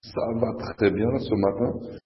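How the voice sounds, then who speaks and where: A man on a podcast chat who sounds tired and talks slowly, his voice hollow and echoey like he is in a cave far from the mic. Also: lowish voice, little pitch movement, husky. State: tired from little sleep. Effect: hollow cave-like echo, as if far from the mic. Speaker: podcast guest. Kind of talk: casual chat. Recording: distant, echoey, dull remote call audio.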